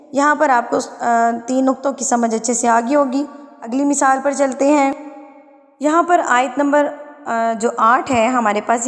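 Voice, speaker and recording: A woman teaching the rules of Quranic stopping signs, explaining step by step with patience and reciting verses slowly. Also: high-pitched, big-room sound.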